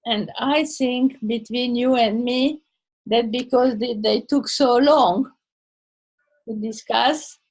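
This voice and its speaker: A slightly mellow, high-pitched older woman speaks English slowly and haltingly in a casual video call chat. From Transylvania, Hungary, and a native Hungarian speaker, she's a Toastmasters member and blogger who searches for words and uses non-native grammar.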